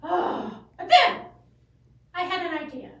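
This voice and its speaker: A woman voicing an excitable young male pet dog in a children's puppet show, chatty and dramatic. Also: very high-pitched, full character voice. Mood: storytelling. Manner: chatty, dramatic, drawn-out storytelling. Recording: echoey room from far off.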